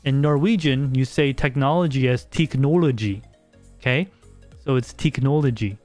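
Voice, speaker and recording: An American man with a mid-range voice hosts a casual podcast livestream at a moderate pace, chatting with viewers and reading their messages. He often repeats words as he thinks aloud, with faint music playing behind him.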